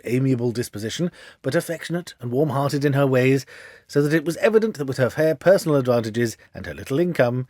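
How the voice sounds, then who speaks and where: For a storybook, a man voices a shrewd, self-assured gentleman detective in a precise, theatrical, lecturing manner. His voice is medium-pitched and husky. The studio-quality recording has no echo.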